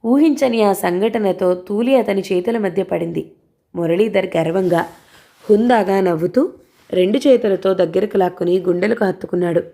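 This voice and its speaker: A woman's voice: medium pitch, normal speed, creaky. Woman narrating an audio novel. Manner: steady, expressive storytelling. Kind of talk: scripted narration.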